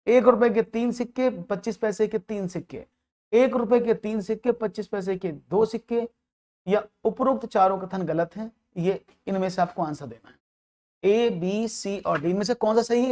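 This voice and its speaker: A man with a high and somewhat mellow voice delivers an online maths lecture aimed at exam preparation. Step by step he works the problems, weaving in English phrases and pausing to confirm his students understand.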